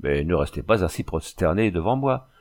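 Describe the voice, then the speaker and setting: A man's voice: low-pitched, expressive, moderate pace, a little mellow. A man voicing a proud, courteous young French engineer in an audiobook. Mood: surprised.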